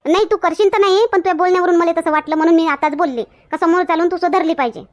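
A woman's voice: very high-pitched, racing. A woman playing fiery village woman Shantabai. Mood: scolding. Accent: Varhadi Marathi. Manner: scolding, blunt, lecturing. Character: outspoken village woman Shantabai, quick to flare up. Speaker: comic actor. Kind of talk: village comedy skit.

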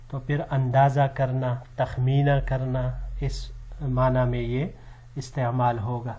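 A man teaching an Arabic vocabulary lesson in a measured way, listing word forms and their meanings one after another. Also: mid-range voice, darkish tone. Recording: slightly dull lo-fi recording.

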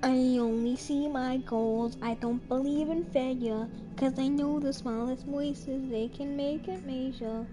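A woman's voice: high voice, fairly even intonation. A young woman livestreaming, singing along to a song and then chatting with her viewers. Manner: sings along to music, then chats quickly with viewers. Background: music playing.

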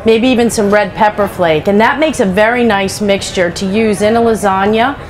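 A faint hiss or hum runs under the headset audio of a middle-aged woman chef doing a live trade show cooking demo. She talks at a moderate pace in a medium-pitched voice, chatty and practical, with lots of "you know" asides.

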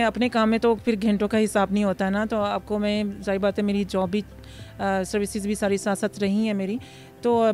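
A woman in her thirties from Pakistan, a restaurant founder answering interview questions outdoors into a handheld mic, pausing often with fillers. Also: mid-range voice. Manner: hesitant, many fillers, mixes English words. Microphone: handheld mic held by interviewer.

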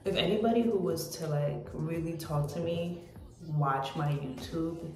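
An American woman in her thirties talking candidly and reflectively to camera in a casual confessional vlog, pausing as she goes and sometimes swearing. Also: low voice. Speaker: vlogger. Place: small indoor room. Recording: echoey room with music behind.

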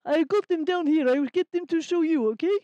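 A woman's voice: very high voice, a little fast, warm tone, no echo. A woman voicing a cheerful, earnest young male rabbit in a children's puppet story, speaking in simple, careful sentences. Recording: slightly dull lo-fi sound.

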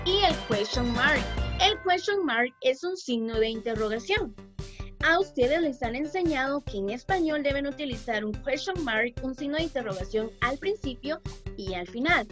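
A bilingual primary school English teacher runs an online class for small children over a video call, her high, bright female voice animated and her pace moderate. She explains patiently and gently, moves between English and Spanish, and calls her pupils "mi amor". Children's music is clearly audible behind the call.

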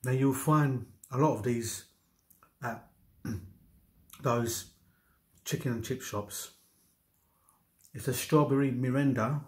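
Slow-talking man chatting while eating. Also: medium pitch. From United Kingdom. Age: 30s. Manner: talks while eating, in short murmured remarks with pauses. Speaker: mukbang vlogger. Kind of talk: casual eating commentary. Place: indoors in a home kitchen-diner. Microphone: camera on the table at about arm's length.

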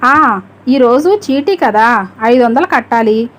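A scheming middle-aged village mother, voiced by a woman narrating a storybook, pressing her daughter in a coaxing, insistent tone. The voice stays high and clear. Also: expressive, slow pace.

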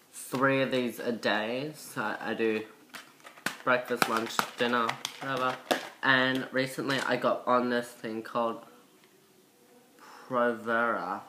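A young woman vlogger with a low, masculine-sounding voice and a slight cold chats casually to camera, giving a rambling, self-conscious transition update. She sits in an indoor room by a window, picked up by a built-in device mic at arm's length, with a noisy background.

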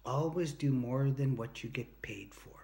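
The voice is mid-range and darkish, a little slow, belonging to a motivational speaker and workshop leader in his early fifties. Speaking earnestly and emphatically into the camera, he relates anecdotes and acts out quick quoted exchanges. A phone or device at arm's length captures him in a home room under a sloped ceiling.

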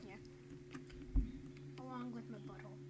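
A woman's voice: fairly high pitch, steady tone, normal speed. A female co-commentator doing casual let's-play commentary with goofy, joking banter. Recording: loud background noise with keyboard typing.

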